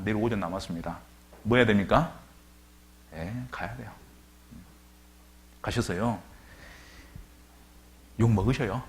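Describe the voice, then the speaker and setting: A man preaching a sermon as pastor, retelling scripture dramatically and asking the congregation rhetorical questions. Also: fairly low pitch.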